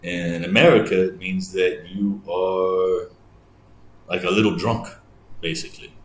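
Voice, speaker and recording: A man with an English accent chats through an explainer video, thinking aloud as he goes. His voice sits very low, and the recording is roomy with a faint hum of ambience underneath. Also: fairly even intonation, measured pace. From England. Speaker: host, English teacher.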